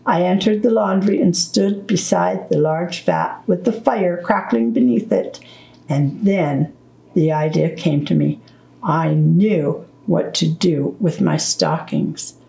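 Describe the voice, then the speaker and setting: Slow, gravelly woman reading a storybook. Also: on the low side, reverberant, low-quality recording. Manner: slow, deliberate, gentle storytelling. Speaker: storytime reader. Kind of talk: reading a children's book aloud.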